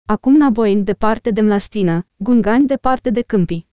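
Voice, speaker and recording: A woman voicing a clumsy, excitable male Gungan creature who talks in broken, childlike grammar in an audiobook reading. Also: mid-range voice, clear, resonant tone, no room sound, dull audio, natural voice. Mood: earnest.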